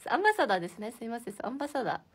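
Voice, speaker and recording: A woman's voice: fairly high pitch, big pitch swings, rapid-fire, breathy edge. A young woman hosting a casual livestream from indoors, chatting and giggling as she reacts to viewer comments. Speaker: idol livestream host.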